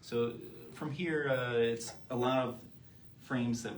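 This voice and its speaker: A man's voice: medium pitch, fairly even intonation, unhurried, echoey room, a little hiss or hum. A man co-hosting a live product show, who explains each item in an easygoing way with frequent fillers. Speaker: co-host presenting eyewear.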